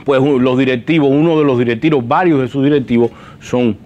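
A man's voice: medium pitch, a little fast, a little mellow, highs cut off. A middle-aged man hosting a studio talk show, chatty and given to repeating and restarting his phrases. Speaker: host. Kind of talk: news talk show interview. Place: large TV newsroom studio.

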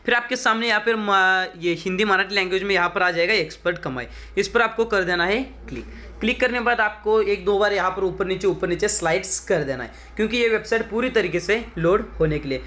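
High-voiced man walking through app steps. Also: a little fast, pushed and bright. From India. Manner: chatty, repetitive step-by-step instructions. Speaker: tech tutorial youtuber. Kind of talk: screen-recorded how-to walkthrough.

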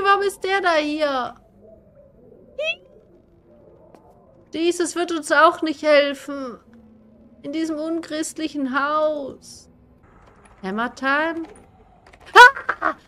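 Young woman playing a horror game on stream, high voice, talks slow and drawn out, shrieks and swears when stuff jumps out. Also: bright, forceful tone, slight background noise. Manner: jumpy, swears and screams at scares. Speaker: gaming streamer. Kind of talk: horror game let's play commentary.

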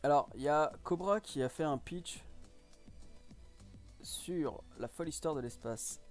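A man's voice: a little high, measured pace, faint music behind. A man hosting a casual live stream, chatting and reacting to viewers' comments.

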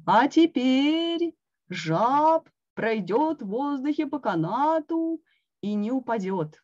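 A woman voicing a grand stage announcer who makes slow, drawn-out proclamations. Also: sits high, big pitch swings, a little mellow, dry recording, voice pushed up, heavily acted. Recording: dull lo-fi online call.

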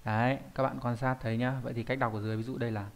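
A man's voice: mid-range voice, flat delivery, rapid-fire. A man teaching an online Japanese grammar lesson, explaining patiently, thinking aloud with fillers and often asking his students whether they follow. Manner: explains patiently, often checks with "đúng không?".

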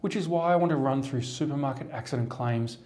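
Australian male lawyer, mellow tone, steady formal read-to-camera, lapel mic in studio. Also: mid-range voice. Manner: measured, formal, steady delivery. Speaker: lawyer presenting a firm's explainer. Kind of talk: scripted explainer to camera. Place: studio set at a desk.

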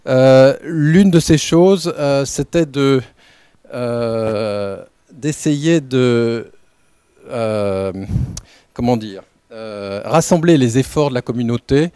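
A man giving an unscripted welcome talk as director of a research lab, halting, with many fillers and restarts. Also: mid-range voice, mellow, smooth, no echo. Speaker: lab director opening a training session.

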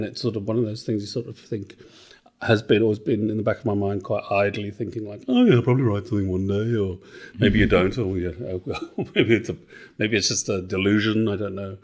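A middle-aged man from Wales with a Welsh accent, a podcast guest chatting casually and thinking aloud with many fillers and restarts. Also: on the low side. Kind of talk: casual interview chat.

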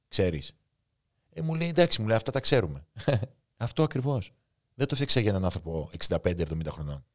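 A man's voice: lowish voice, creaky. A man in his thirties with a Cypriot Greek accent, a guest author and coach speaking in a casual interview with an impulsive, emotional, spontaneous storytelling manner. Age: 30s.

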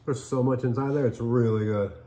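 A man's voice: medium pitch, steady tone, fairly quick, dark tone. A middle-aged American man, a dad co-hosting a casual cookie review, chatting upbeat while he eats. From United States. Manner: chatty, upbeat, chewing and tasting between lines. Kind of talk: casual chat. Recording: echoey room, dull lo-fi sound.

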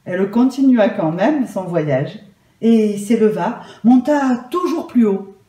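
Woman, storyteller, calm and measured, mellow voice, roomy echo. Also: mid-range voice. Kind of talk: gentle read-aloud storytelling.

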